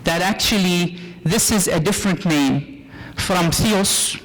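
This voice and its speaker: A man's voice: sits high, takes it slowly, a bit bright, in a large hall, low-quality recording. A man from Syria, a native Arabic speaker and theology professor, asking a polite, earnest question from the audience at a lecture. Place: lecture hall.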